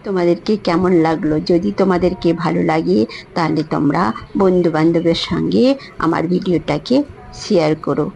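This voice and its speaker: Woman vlogger, low gruff voice, repetitive devotional narration. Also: poor audio. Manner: repetitive, gentle, chants prayers slowly. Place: home shrine and her parlour.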